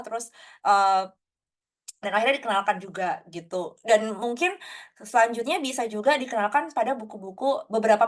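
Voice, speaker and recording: A young woman speaking as a guest in a casual online talk, chatty with many fillers, acting out quoted lines. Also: mid-range voice.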